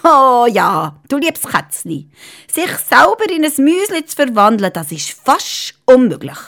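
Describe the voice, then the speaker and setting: A woman's voice: high-pitched, big pitch swings, measured pace, a bit bright, pitched above the performer's own voice, exaggerated voice. A woman with a Swiss German accent voicing a proud, boastful male sorcerer in a storybook.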